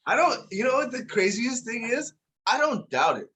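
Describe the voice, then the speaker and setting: A man's voice: very high-pitched, very animated, normal speed, pushed and bright. A man co-hosting a podcast in casual, profane, joking banter. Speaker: podcast co-host. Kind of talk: casual chat.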